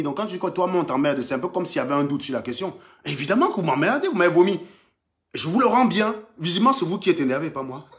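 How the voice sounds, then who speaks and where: A Cameroonian man with a Cameroonian French accent runs a livestream monologue, taunting his audience. His fairly high voice swoops widely in pitch, and he jumps from loud bursts down to muttered asides. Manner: combative and mocking, swinging between loud outbursts and low muttering. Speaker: livestream host.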